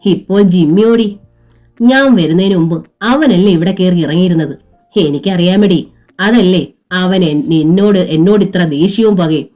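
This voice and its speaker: A woman performing a bitter, jealous middle-aged man in a storybook reading. He growls his accusations low and dark, full of scorn. The sound is muffled and lo-fi, with soft music underneath. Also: normal speed, close to an everyday voice. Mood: accusing. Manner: harsh, scornful growling retorts. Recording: dull lo-fi with faint music.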